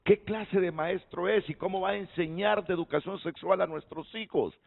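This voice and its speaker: With a gravelly voice that sits high, a Honduran TV talk show host moderates a panel at a moderate pace. He poses questions, invites guests' opinions, and restarts hesitantly, all in tinny lo-fi broadcast sound.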